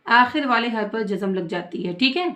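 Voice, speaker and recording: Her voice a little high, animated and fairly bright, a woman teaches a Quran recitation lesson. She stretches out the recited words slowly before explaining the rules at a brisk pace and answering her own questions.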